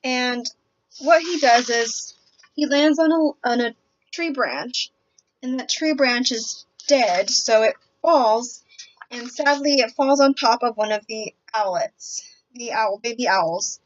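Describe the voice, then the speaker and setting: A woman giving a picture book summary in a hesitant, halting way, often pausing mid-sentence. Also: fairly high pitch, a little hiss or hum. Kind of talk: semi-scripted picture book summary presentation. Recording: dull, lo-fi audio.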